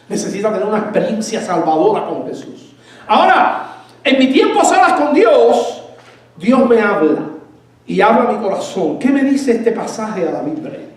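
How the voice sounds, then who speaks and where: A man with a high voice preaches a sermon in a church and keeps putting questions to his congregation. The hall rings with heavy echo, and he sounds a little far from the mic. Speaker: pastor.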